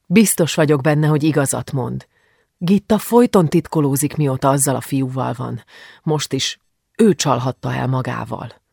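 A man's voice: medium pitch, vocal fry, darkish tone, breathy edge, no room sound. Brief: male reader doing a tearful middle-aged mother, pleading tone, dry close sound. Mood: worried. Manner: pleading, worried.

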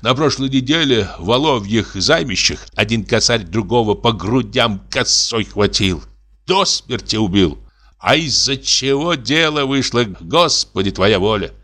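A man's voice: mid-range voice, expressive, measured pace, bright, forceful tone, pitched above the performer's own voice. A man reading an audiobook, voicing an old, frightened, pious forester who whines plaintively. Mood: grumbling. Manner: whining, plaintive.

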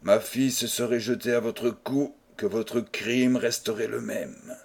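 A stern old baron from a storybook reading, proud and rigidly formal, as a man puts him on. His voice is husky, at a middling pitch. He lectures with wounded, icy dignity. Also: steady tone, unhurried, a little mellow. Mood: indignant. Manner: indignant, stiff and formal, then coldly businesslike.

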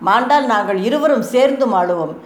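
A woman's voice: a little high, animated, a little fast, voice pushed up, natural voice. A woman voicing a proud, hot-tempered male court priest who speaks indignantly, in an echoey room. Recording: echoey room, faint noise.

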